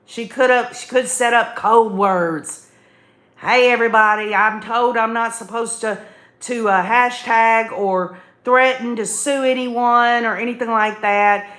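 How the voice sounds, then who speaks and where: Heard in an echoey room, a woman with a somewhat high, slightly bright voice hosts opinionated live commentary. She talks to her audience in a plain, folksy style, leaning on emphasis and repeated phrases.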